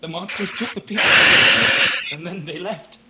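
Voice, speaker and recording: Dazed, frightened alien survivor. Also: male voice, high-pitched, sharp tone, rough recording. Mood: haunted. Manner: fragmented, dazed, halting short phrases. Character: traumatized young male alien in an enviro suit, frightened.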